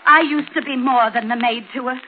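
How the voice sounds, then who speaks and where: An actress playing a distraught, bitter housemaid with an urgent, insistent manner in 1940s radio style. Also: female voice, sits high, fairly even intonation, fairly quick, close to an everyday voice. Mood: bitter, accusing. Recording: tinny old radio, faint noise.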